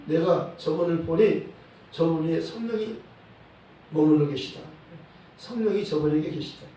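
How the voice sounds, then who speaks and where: A male pastor preaching a sermon in a church, in a measured way, often dropping a short "yes" between phrases and quoting verses. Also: a little high, warm tone, slight background noise. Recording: echoey hall, voice from a distant mic.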